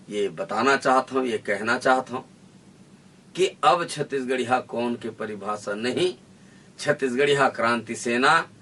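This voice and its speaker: A man with a Chhattisgarhi accent giving a forceful interview answer, declaiming in rallying repeated lines. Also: medium pitch, recorded from a distance. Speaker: interviewee, activist leader. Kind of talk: fiery political speech.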